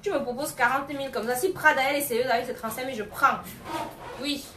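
Rapid-fire and high-pitched, this woman runs a live online auction of hair extensions, calling out bidders by name teasingly and repeating prices. The recording, from a distant phone mic, has roomy echo and faint noise.

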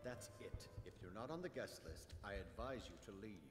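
A man playing a stern door guard in a video game. His voice is fairly low and sits faintly under loud music. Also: animated, brisk, big-room sound, lightly acted. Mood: stern warning. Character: stern male doorman guard turning away intruders.

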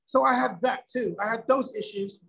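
A middle-aged man telling his own story in a casual interview, lively and acting out quoted dialogue. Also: extremely high pitch, moderate pace, gravelly, husky, low-quality recording. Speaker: guest.

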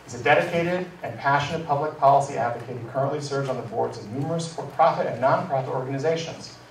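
A man's voice: medium pitch, quick pace. A man reads a formal introduction at a public forum, going through a short biography. He is heard from a distance in an echoey hall, with faint noise behind him. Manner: formal, reading a bio. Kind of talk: reading an introduction. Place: school hall, heard from afar.

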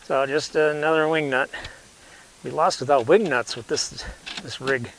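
A canoe builder in his sixties shows his rig in a casual how-to demonstration, rambling in a folksy way and frequently restarting or correcting himself. His fairly bright voice sits a little high and moves at a measured pace. He's outdoors on a lawn, recorded by a camera mic that is sometimes a few steps away, and the rough recording has a little hiss or hum.

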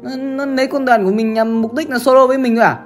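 A woman talks her viewers through a game in casual, chatty commentary. She speaks at a rapid clip and keeps calling out to the audience. Faint music plays softly underneath. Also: high voice, fairly even intonation. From Bắc Giang, Vietnam. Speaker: gaming streamer.

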